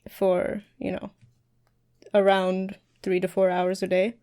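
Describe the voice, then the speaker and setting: A young woman talks as a guest on a podcast, relaxed and easygoing. She giggles between thoughts, and her voice sits in a mid pitch for a woman. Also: slow pace, clear, resonant tone. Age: young adult. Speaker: streamer and dance teacher, podcast guest. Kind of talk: casual podcast chat.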